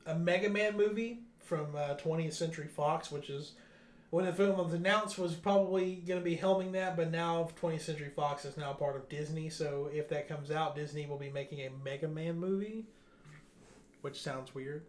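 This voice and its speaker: The show host, a man with a fairly high-pitched voice, leads an informal news roundup with friends, going over the items one by one. He speaks at a normal speed with fairly even intonation.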